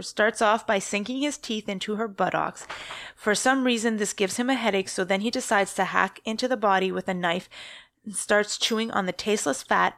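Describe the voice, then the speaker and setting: A woman's voice: mid-range voice, gravelly, fairly bright tone, no echo, studio quality. A woman co-hosting a podcast, casually recounting a true-crime story and often correcting herself mid-sentence. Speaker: podcast co-host.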